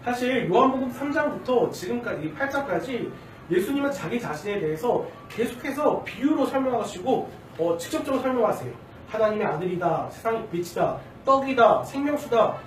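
A man in his thirties preaches in a casual, questioning manner, his voice high and swinging widely in pitch. He acts out the quoted lines with shifting tones. The sound is roomy and distant, picked up from the back of a church sanctuary. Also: sing-song, brisk, slight background noise. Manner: conversational, asks the congregation questions. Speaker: junior pastor. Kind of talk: sermon.

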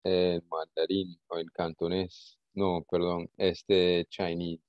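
A man's voice: low-pitched, flat delivery, slow, no echo. A man in his forties teaching an online English class, thinking aloud as he switches between Spanish and English. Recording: dull lo-fi audio.

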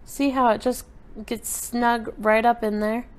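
A woman giving a relaxed, chatty step-by-step craft tutorial while she works with her hands at a table indoors. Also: fairly high pitch, measured pace. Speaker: craft instructor.

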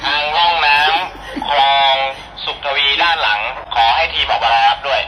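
A man's voice: on the high side, moderate pace. Man on a police radio, heavy static. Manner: clipped call-sign replies, mock-serious. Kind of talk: mock police radio dispatch.

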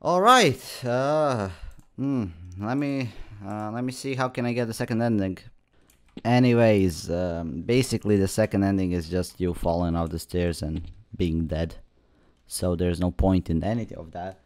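A young man commentating a horror game, slangy and reacting with sudden loud outbursts. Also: deep voice, steady tone, moderate pace, clear, resonant tone. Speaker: gaming YouTuber.

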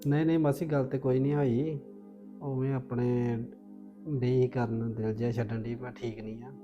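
Woman doing a soft-spoken guy, the visiting brother, really low voice, music behind. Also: flat delivery, moderate pace, lo-fi sound. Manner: soothing, politely refusing. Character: grown man, a gentle visiting brother.

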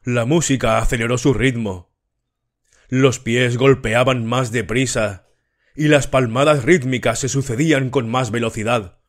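A man reading a novel aloud as an audiobook narrator, slow and measured. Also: medium pitch, steady tone. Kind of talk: scripted narration.

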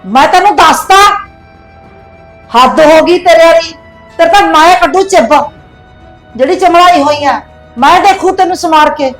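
Harsh cursing mother-in-law, played by a woman; higher voice, roomy distant sound, faint music behind. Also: moderate pace, natural voice. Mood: furious. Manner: shrill, cursing. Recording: echoey room, distant mic, faint music.

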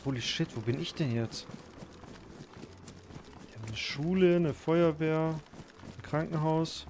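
A man commenting on his own survival gameplay, thinking aloud, swearing and breaking into sudden loud outbursts. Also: a little high, unhurried, slight background noise. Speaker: gaming YouTuber.

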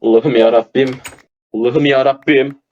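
A man playing an online game with a teammate, swearing constantly and shouting in frustration. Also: mid-range voice, fairly even intonation, a little slow, muffled recording. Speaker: gamer streamer. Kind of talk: casual gameplay chat with teammate.

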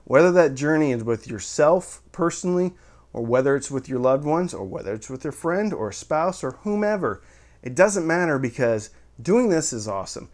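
A man's voice: fairly high pitch, sing-song, normal speed, darkish tone. A man hosting his own channel, casually reviewing audio equipment with joking asides and step-by-step explanations. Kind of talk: casual product review to camera.

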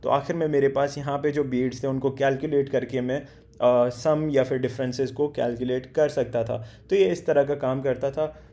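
A man teaching a beginner class, explaining step by step with many hesitations and slowly reading out English slide text. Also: mid-range voice, steady tone, warm tone. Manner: explains step by step, many hesitation sounds, stumbles on foreign names.

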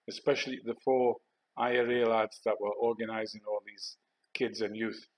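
A man's voice: medium pitch, darkish tone, rough recording. An older man, an army veteran, telling his own war memories in a blunt, plain-spoken monologue. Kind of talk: first-person war memoir monologue.

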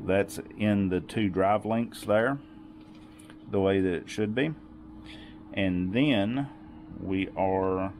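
Man, deep voice, unhurried, methodical workshop how-to, clear background noise. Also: darkish tone. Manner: patient, methodical, repeats key points. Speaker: workshop tool demonstrator. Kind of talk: step-by-step how-to explanation. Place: home workshop, indoors. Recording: noisy workshop recording.

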